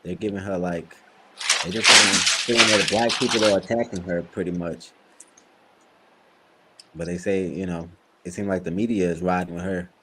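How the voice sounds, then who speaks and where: A man's voice: low voice, steady tone, moderate pace, long pauses, noisy background. A man co-hosting a casual podcast chat, talking in a loose, rambling way. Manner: loose, rambling, many fillers. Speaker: podcast co-host.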